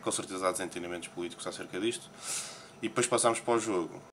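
A man with a European Portuguese accent talks through news headlines in a relaxed, rambling way, pausing often to hesitate. His voice sits very low yet has a bright, forceful edge. A faint hiss of background noise runs under the recording. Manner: relaxed, chatty, with frequent hesitations. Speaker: poker player interviewee. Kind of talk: casual interview, commenting on newspapers. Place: Las Vegas, morning.

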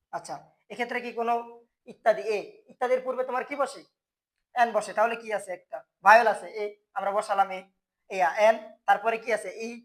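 A teacher with a Bangladeshi Bengali accent talks through a grammar lesson for school students. He keeps putting questions to the class and answering them himself, in a mid-pitched voice. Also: a bit bright.

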